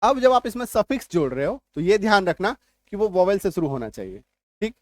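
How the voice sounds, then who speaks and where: A man's voice: sits high, sing-song, a little fast, no room sound. Repetitive, reassuring male English teacher. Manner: repetitive, reassuring, keeps checking understanding. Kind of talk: spoken lesson explaining spelling rules.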